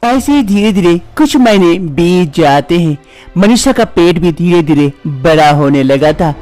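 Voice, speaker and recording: A man narrating a cartoon story in a plain, even storytelling style. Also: on the high side, a little slow, soft background music.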